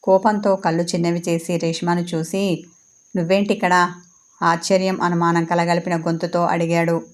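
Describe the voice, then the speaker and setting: A woman author narrating her own romance story in a steady, unhurried reading. Her voice is on the low side and keeps a narrow, even pitch throughout.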